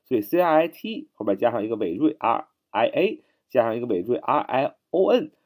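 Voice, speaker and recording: This male teacher, speaking in a mid-range, sing-song, slightly mellow voice, walks through English vocabulary aloud. He spells each word letter by letter, repeats it with patience, and stretches out the particles that close his phrases.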